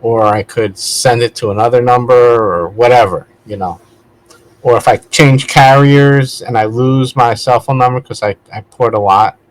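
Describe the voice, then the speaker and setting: This man's voice sits at medium pitch with fairly even intonation and a moderate pace, captured in a rough recording with slight background noise. As a vlog host he chats in a rambling, conversational way, digressing and self-correcting.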